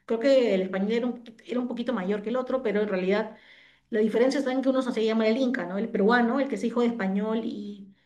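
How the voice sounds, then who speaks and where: Woman teacher, fairly high voice, patient explainer who keeps tagging questions, heard over a video call. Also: rapid-fire, dark tone. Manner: explanatory, frequent tag questions. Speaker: literature teacher. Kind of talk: online class explanation.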